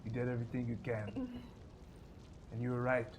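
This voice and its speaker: A man voicing a calm, reassuring male friend in a dream, speaking with a Nigerian accent. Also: mid-range voice, normal speed, noisy background, voice pushed down, close to an everyday voice.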